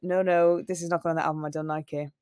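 A woman's voice: low voice, little pitch movement, fast, a little mellow, no room sound, clean studio sound. A young woman from Wales, a singer and radio presenter, answering interview questions in an earnest, storytelling way. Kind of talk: interview conversation.

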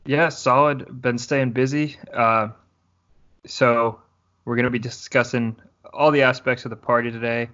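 A man's voice: mid-range voice, steady tone, unhurried, fairly bright tone, highs cut off. A man guesting on a casual podcast, laid-back with dry humor.

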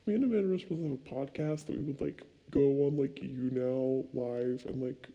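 A man's voice: medium pitch, fairly quick, highs cut off. A young man co-hosting a casual late-night podcast, telling rambling stories full of swearing. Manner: rambling, swears a lot, animated storytelling. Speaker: podcast co-host.

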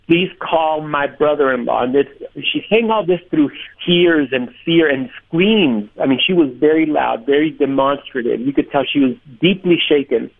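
A man who is a pastor, telling his story in an earnest, measured way during a radio interview by phone. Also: fairly high pitch. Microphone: telephone. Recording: tinny phone line.

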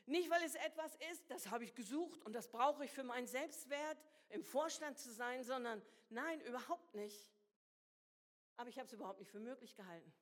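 A woman with a high voice preaches a sermon, her words ringing through a hall with a long reverb. She hammers home her points by repeating phrases. She mixes everyday slang into the preaching. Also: normal speed. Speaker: guest preacher.

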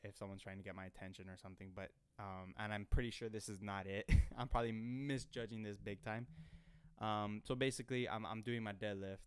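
A man's voice: on the low side, clean tone. A young man hosting his own podcast, telling an embarrassing story in a rambling, self-conscious way at a desk microphone. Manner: rambling, self-conscious, heavy filler words and restarts. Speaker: podcast host. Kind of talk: casual storytelling monologue.

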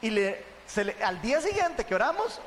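Un hombre con acento costarricense da su testimonio ante una congregación, contándolo de forma animada y conversada, con muletillas frecuentes. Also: male voice, extremely high pitch, normal speed, long reverb tail, slight background noise. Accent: Costa Rican. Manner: chatty, animated storytelling, tags sentences with "¿verdad?". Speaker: church member giving testimony.

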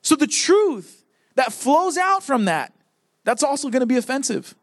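A young man preaching in a casual, emphatic way, circling back on his phrases as he drives each point home. His voice sits high for a man, and the sound is dry and close. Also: very animated, moderate pace, dry recording. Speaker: pastor. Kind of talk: sermon.

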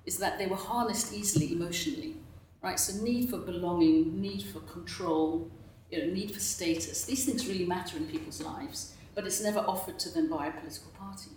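A woman's voice: lowish voice, brisk, darkish tone, a little hiss or hum. A woman speaking on a roundtable panel, thoughtful and full of "you know" fillers. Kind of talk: roundtable discussion. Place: conference room. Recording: roomy echo, mic far off.

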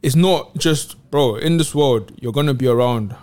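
A man in casual faith discussion on a podcast, animated and slangy, retelling Bible stories in street talk. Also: mid-range voice, normal speed. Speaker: podcast co-host.

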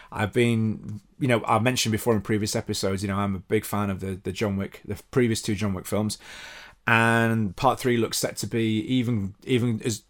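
A man with a Yorkshire accent hosting a podcast, chatting casually with many fillers and easy laughs. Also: fairly low pitch. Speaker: podcast host. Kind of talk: casual interview chat and solo wrap-up.

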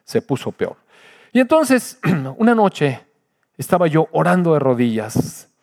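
An older man, a pastor giving an earnest personal testimony in a sermon, his voice swinging from loud to hushed. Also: on the high side, sing-song, unhurried.

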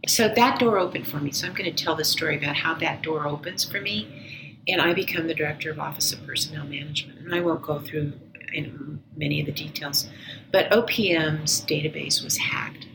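Low-voiced woman telling a story softly. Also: creaky, noisy background. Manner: measured and earnest, often dropping to a near-whisper. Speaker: interview guest, former agency director. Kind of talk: reflective personal storytelling.

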